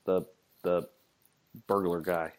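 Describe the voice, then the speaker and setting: A man's voice: low voice, little pitch movement, slow pace, a little mellow. A man co-hosting a casual comics news podcast, mostly giving short agreeing replies. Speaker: podcast co-host.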